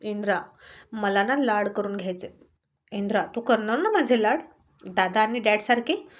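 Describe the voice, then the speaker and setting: A woman's voice: mid-range voice, expressive, normal speed, natural voice. A woman reading a story aloud and voicing a spoiled, playful young wife with a pleading, sing-song manner. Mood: teasing.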